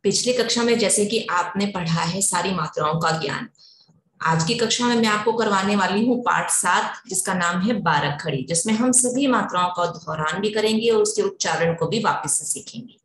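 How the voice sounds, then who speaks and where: A woman teacher giving an online lesson to young children, slowly drilling syllables with clear, drawn-out pronunciation. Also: mid-range voice, fairly bright tone. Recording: echoey room with faint background noise.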